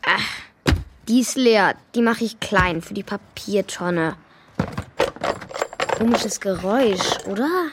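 A woman's voice: mid-range voice, lively intonation, takes it slowly, long pauses, very noisy. A woman playing a skeptical, practical young boy in a children's radio play, dry and questioning in manner. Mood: curious.

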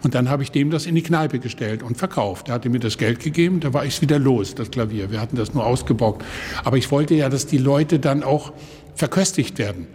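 A man around seventy from Germany's Baltic coast, a guest telling lively anecdotes in conversation and acting out the people in them. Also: mid-range voice, fairly quick, big-room sound, slight background noise. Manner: lively storyteller who acts out the people in his stories. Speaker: guest, organ builder.

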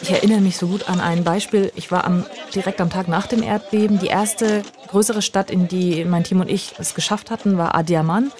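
A woman reporter explaining events in a relaxed conversational way, using everyday examples from her own life. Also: fairly low pitch, fairly quick, few pauses. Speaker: foreign correspondent guest. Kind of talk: conversational podcast interview.

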